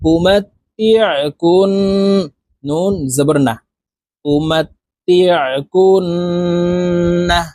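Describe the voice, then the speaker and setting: Measured teacher spelling out syllables. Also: male voice, a little high, dark tone, husky, dry recording. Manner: spells out syllables, then blends them slowly and drawn out. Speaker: Quran reading teacher. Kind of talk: reciting lesson, spelling letters aloud.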